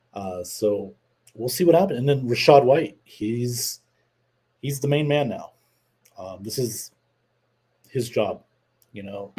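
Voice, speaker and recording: Casting note: male show host, lowish husky voice, casual opinionated sports rant with many fillers. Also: darkish tone. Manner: opinionated, rambling with fillers, reads chat comments aloud. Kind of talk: casual livestream sports talk.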